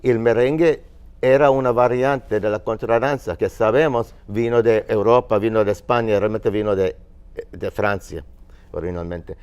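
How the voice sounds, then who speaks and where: A man from Finland on a panel, explaining music history in a halting, searching way with many fillers. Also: fairly low pitch, a little mellow, clear, resonant tone, highs cut off. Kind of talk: panel discussion.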